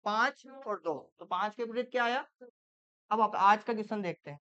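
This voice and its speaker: A woman's voice: medium pitch, fairly quick, fairly bright tone, clean tone. A woman teacher, running a classroom reasoning lesson and quizzing her students with repeated questions. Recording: muffled lo-fi classroom recording.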